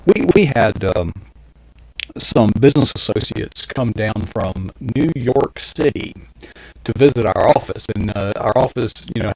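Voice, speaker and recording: A man's voice: fairly low pitch, a little mellow, dry recording. Folksy man telling stories. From American South. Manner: folksy, rambling, laughs through his stories. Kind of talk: casual storytelling chat.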